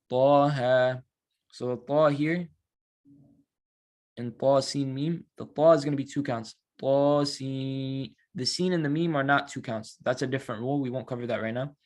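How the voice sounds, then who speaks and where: A man teaching Quran recitation in a relaxed class, talking casually and stretching out syllables to show how they are chanted. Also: mid-range voice. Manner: explains slowly, models drawn-out recited syllables.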